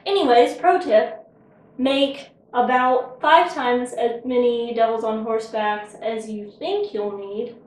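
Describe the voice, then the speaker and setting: A woman with a fairly high voice hosts a casual home cooking show, chatty and joking as she samples dishes. She is picked up from across an echoey kitchen with faint room noise. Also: fairly even intonation, takes it slowly, a little mellow. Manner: chatty, joking, talks with her mouth full. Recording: echoey kitchen, mic far off.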